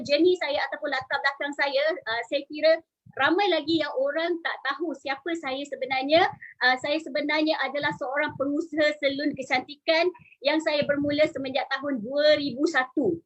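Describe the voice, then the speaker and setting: A woman in her forties with a Malaysian Malay accent, a salon owner giving an energetic live-stream talk and urging her viewers to join in, with English phrases mixed in. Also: high voice, normal speed, highs cut off. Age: 40s. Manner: energetic, urges the audience, mixes in English phrases.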